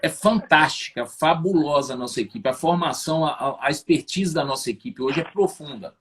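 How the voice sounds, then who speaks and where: A Brazilian man with a notably high voice tells his story with animated energy. He is a business owner speaking as a guest on a live-streamed interview, and he keeps the tale moving with a lively, anecdotal flow. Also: normal speed.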